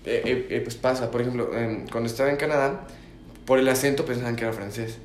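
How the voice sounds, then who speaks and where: Talking fast in a medium-pitched, fairly even voice, a young man from Mexico chats casually in a Mexican accent. Slang fills almost every phrase, "güey" above all; the room is echoey, with faint ambient noise.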